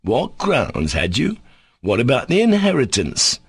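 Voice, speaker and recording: A sickly male servant, resentful and insolently defiant, as a male audiobook reader puts him on. He speaks coolly, with a sarcastic edge, in a husky voice that sits a little low. The reading is dry and close. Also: expressive, fairly quick, dry recording.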